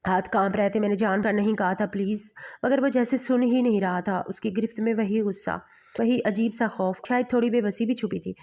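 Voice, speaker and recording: Flat-voiced woman narrating a romance story. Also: medium pitch.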